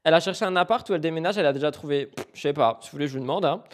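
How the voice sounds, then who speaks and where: Animated woman hosting a live stream. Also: sits low, rapid-fire. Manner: animated, mocking, exaggerated reactions. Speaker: streamer host.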